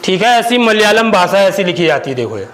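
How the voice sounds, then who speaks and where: A male school teacher in a classroom, teaching children and quizzing the class, repeating each word slowly. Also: high-pitched, very animated, a bit bright, low-quality recording. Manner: asks the class questions and repeats words slowly.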